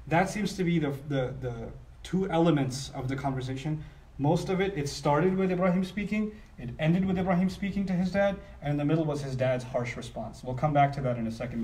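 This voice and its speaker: A man teaching a structural lesson on scripture, animated and often voicing the speakers of the story as he explains. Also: on the high side, far from the mic. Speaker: Quran teacher. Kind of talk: lecture on scripture. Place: broadcast live online.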